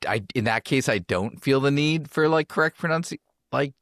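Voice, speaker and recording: A man's voice: mid-range voice, animated, normal speed, a bit bright, no echo, studio quality. A man co-hosting a wine podcast, chatting casually and rambling with many fillers. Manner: rambling, filler-heavy, uses many likes. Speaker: podcast co-host. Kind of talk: casual chat.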